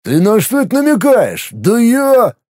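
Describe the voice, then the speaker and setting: A man voicing a sardonic male talking octopus in an audiobook, with a slow, low, sarcastic drawl. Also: wildly swooping pitch, dark tone, no room sound, clean studio sound. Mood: indignant. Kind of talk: audiobook character voice.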